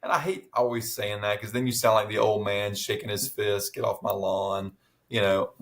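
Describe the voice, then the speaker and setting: A man's voice: lowish voice, flat delivery, brisk. A middle-aged man in casual chat as podcast co-host, telling stories with many restarts and fillers.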